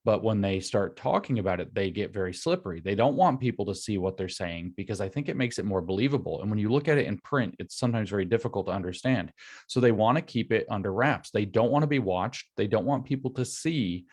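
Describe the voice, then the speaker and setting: A man's voice: fairly low pitch, lively intonation, fast talker, darkish tone, slightly rough. A man speaking as a guest over a video call, explaining ideas in long lecture-like runs joined by "and so". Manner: long run-on explanations linked with "and so". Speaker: guest commentator. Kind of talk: explanatory lecture-style talk.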